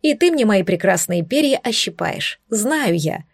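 A woman's voice: mid-range voice, expressive, unhurried, slightly rough, dry recording, clean studio sound. A woman voicing a teasing young adult brother who snorts and bosses others around. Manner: mocking, bossy.

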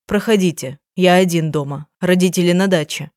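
A woman's voice: fairly low pitch, normal speed, darkish tone, dry recording, clean studio sound, lightly acted. A woman reading the lines of a grieving, remorseful young husband who keeps exclaiming in an audiobook. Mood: guarded. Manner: agitated, exclaiming. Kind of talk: audiobook dialogue.

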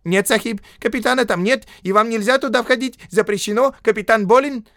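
A man voicing a nervous, fussy middle-aged male clerk who pleads and frets in a high voice in an audiobook. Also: very animated, brisk, no echo, clean studio sound. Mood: panicked shouting. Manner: fussy, pleading, shrill when panicked. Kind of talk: audiobook character voice.

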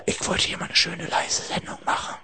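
Brisk, pushed and bright, a man's voice carries a little hiss or hum as he hosts a late-night call-in radio program. He meanders ironically through the show, chatting with callers and addressing listeners as kids.

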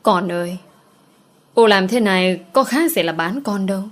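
A woman's voice: medium pitch, lively intonation, moderate pace, close to an everyday voice. A woman voicing a grieving older village mother who wails and pleads. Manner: wailing and pleading.

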